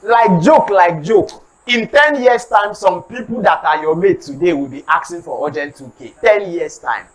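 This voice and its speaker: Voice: mid-range voice, moderate pace, hardly any pauses, low-quality recording. A preacher with a Nigerian accent who gives a sermon-style talk on time management, mixes in Pidgin, acts out comic street scenes and has the congregation repeat lines. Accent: Nigerian English with Pidgin. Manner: animated, acts out comic street scenes, calls for audience response. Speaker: preacher giving a motivational talk.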